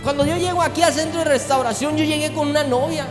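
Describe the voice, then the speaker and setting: A man preaching, dropping low and close, then building to shouted peaks. His voice rings through a big echoing church hall with music playing behind him. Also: steady tone, fast talker. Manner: impassioned preaching, swings from low intimate tones to shouted climaxes. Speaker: pastor. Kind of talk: sermon.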